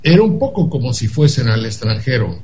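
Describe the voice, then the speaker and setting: A man's voice: medium pitch, very animated, fairly quick, noisy background. An older man, a radio commentator telling a digressive story and acting out the dialogue.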